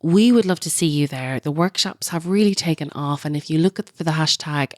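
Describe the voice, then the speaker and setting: A woman's voice: deep voice, a little fast, no echo, clean studio sound. A woman hosting a podcast, reading an enthusiastic promotional announcement for workshops. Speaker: podcast host.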